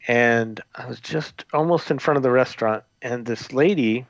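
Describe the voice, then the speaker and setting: A man's voice: medium pitch, moderate pace, creaky, no room sound. Man telling a rambling story, dull dry sound. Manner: rambling, many fillers and restarts. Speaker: guest, former theme park custodian. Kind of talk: conversational storytelling.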